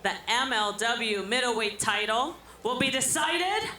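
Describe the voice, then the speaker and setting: A self-assured woman delivers a wrestling promo with sass. Her high voice moves at a slow pace and echoes through a noisy arena. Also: lively intonation, bright, forceful tone. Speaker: wrestling executive character. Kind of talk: in-ring promo to a crowd.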